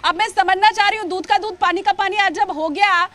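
High, bright-voiced anchor pressing hard. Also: female voice, a little fast. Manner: interrupting, pressing, insistent. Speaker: news anchor. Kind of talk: heated TV news debate. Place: on location at a police station.

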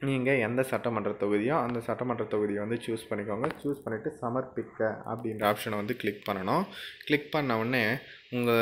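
A medium-pitched male voice with a fairly bright tone comes through with slight background noise. The tutorial channel host keeps things chatty in his screen-recorded walkthrough, covering each step and checking in often with "okay?"

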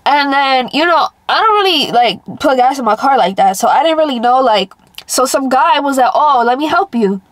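A woman's voice: high voice, expressive, moderate pace, a bit bright, no room sound, poor audio. A young woman chatting casually to camera in a parked car, her nose blocked and nasal as with a broken nose, taking breaths through her mouth. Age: young adult. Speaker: prank vlogger.

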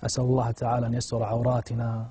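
Man, preacher, sermon storytelling, mellow dark tone, very husky, impassioned delivery. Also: medium pitch, monotone, racing, dry recording. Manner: dramatic, impassioned, swelling in emotional moments.

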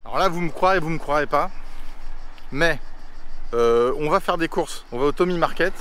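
A man's voice: fairly high pitch, moderate pace, a bit bright, a little hiss or hum. Chatty French guy vlogging a trip. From France. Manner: chatty, amused, talks to the camera. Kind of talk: casual travel vlog chat.

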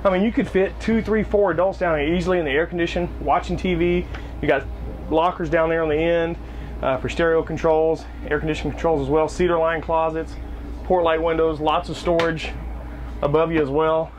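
A man's voice: on the high side, steady tone, fairly quick, a little hiss or hum. A man hosting a boat dealer's video, giving an upbeat, salesy walkthrough of a boat. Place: outdoors at a marina on a boat.

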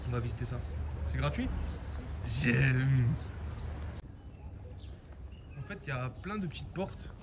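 An Algerian travel vlogger with a medium-pitched voice talks excitedly and in slang to his handheld camera, calling viewers "les gars." He moves between outdoor and indoor spots on a road trip, including a hotel villa and a restaurant, with loud ambient noise and vehicles behind him.

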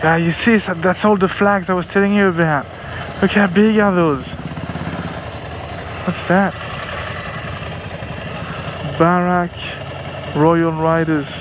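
A man's voice: high voice, fairly even intonation, takes it slowly, long pauses, background noise. A man from France with a French accent, giving casual, enthusiastic and exclamatory vlog commentary out on a motorbike trip. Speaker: motorcycle travel vlogger. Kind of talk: casual vlog commentary while riding, chatting to passers-by. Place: outdoors on a motorbike and at an event ground.

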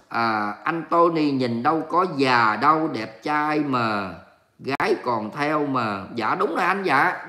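Male livestream host from Vietnam, high and bright, teasing chatter in an echoey room. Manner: playful, mock-indignant banter with viewers. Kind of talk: casual livestream chat reading comments. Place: home, living in Texas.

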